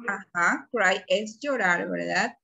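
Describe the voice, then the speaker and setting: A woman with an Ecuadorian Spanish accent teaching an English grammar class, speaking slowly and patiently and stretching out her example sentences. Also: medium pitch, vocal fry, sharp tone, rough recording.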